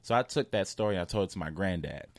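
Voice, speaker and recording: A fairly low-pitched young man from New York with a slight lisp, telling stories as a comedian. He talks loosely and curses freely. The sound is close and dry. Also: expressive, fast talker, dry recording. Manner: loose, storytelling, cursing freely. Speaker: comedian guest. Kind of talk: casual interview chat.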